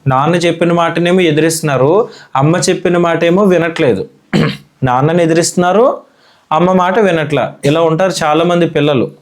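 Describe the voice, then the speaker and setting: Speaking briskly at a medium pitch, an Indian Sunday school teacher runs a children's Bible lesson in a church classroom. The children are asked questions, and the teacher repeats their replies.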